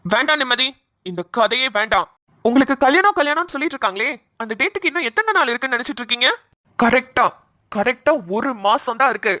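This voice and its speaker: A woman's voice: sits high, animated, pushed and bright, no room sound, studio quality. A woman voicing a young male doctor in a cartoon, pushy and demanding as he presses his girlfriend for an answer. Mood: exasperated. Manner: pushy, demanding, rapid questioning. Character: young man, insistent doctor pressing for marriage. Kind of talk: cartoon voice acting.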